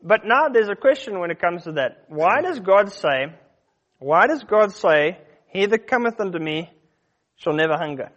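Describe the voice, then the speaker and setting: A man with a high voice preaches a sermon and works through Bible verses as he teaches. He puts questions to his listeners and talks his way through fillers and restarts. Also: animated, moderate pace, fairly bright tone, lo-fi sound.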